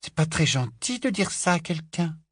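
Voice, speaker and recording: Playful teasing young girl, done by a male reader, high and lively, dry sound. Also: moderate pace, breathy edge, dry recording. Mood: puzzled.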